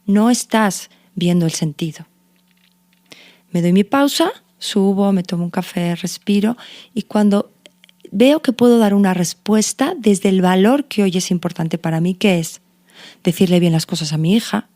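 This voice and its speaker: A woman's voice: medium pitch, normal speed, warm tone. A woman, a guest therapist and mother, explaining her ideas earnestly in a reflective conversation, drawing on examples from her own life. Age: adult parent. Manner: earnest, uses personal examples and self-questions. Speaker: guest logotherapist.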